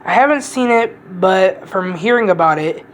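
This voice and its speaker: A woman's voice: mid-range voice, animated, normal speed, a little hiss or hum, low-quality recording. Blunt, profane woman rambling about movies. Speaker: movie reviewer. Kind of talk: casual rambling movie review.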